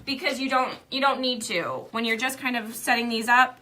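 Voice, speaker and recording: A woman's voice: a little high, normal speed, sharp tone. A young woman hosting a live craft demonstration, talking casually with lots of fillers as she works. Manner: chatty, lots of likes and fillers. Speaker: craft demo host. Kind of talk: live demo chat.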